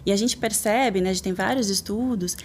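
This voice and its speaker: A Brazilian woman talking as a guest specialist on a podcast. She explains steadily and often checks in with "né?", with a middle pitch. Now and then she imitates baby babble. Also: fairly quick, a little hiss or hum. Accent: Brazilian Portuguese. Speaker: guest child development specialist.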